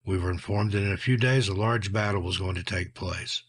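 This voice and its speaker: This low-voiced man tells scripted horror stories at a deliberate, theatrical pace, his phrases trailing downward as they close.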